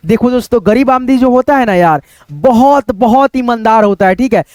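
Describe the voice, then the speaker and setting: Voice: mid-range voice, normal speed, darkish tone, no echo, clean studio sound. A reading teacher, giving a chatty read-aloud lesson and drawing out syllables.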